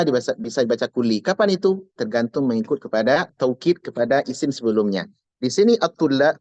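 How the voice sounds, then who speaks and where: A man's voice: mid-range voice, darkish tone, no room sound, dull audio. A man teaching an Arabic grammar class online, explaining patiently and repeating key words step by step.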